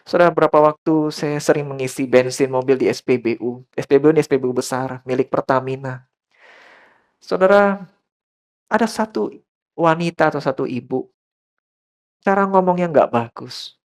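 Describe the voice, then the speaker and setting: A man's voice: medium pitch, moderate pace, long pauses. A male pastor preaching a church sermon as a story, often turning to his listeners and dropping English phrases into his talk. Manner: storytelling, often addressing listeners as brothers and sisters.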